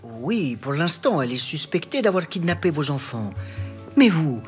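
An actor playing an earnest, inept, unflappable police detective in a comic audio drama, deadpan and matter-of-fact. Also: male voice, a little high, normal speed, soft background music. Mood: officious.

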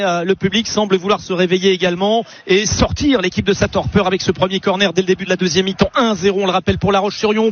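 A man doing play-by-play radio football commentary in a brisk, descriptive way, with frequent hesitations. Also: high voice. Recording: lo-fi radio broadcast with faint noise.

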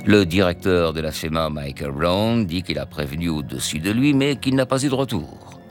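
A man narrating a news documentary in a measured, questioning scripted delivery. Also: sits low, lively intonation. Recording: voice-over with music underneath.

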